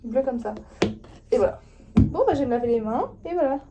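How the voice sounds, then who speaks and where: Indoors at home, a young woman vlogger talks casually to her viewers, rambling with plenty of fillers and asides. Her voice is high-pitched and animated, fairly quick, with a noisy background.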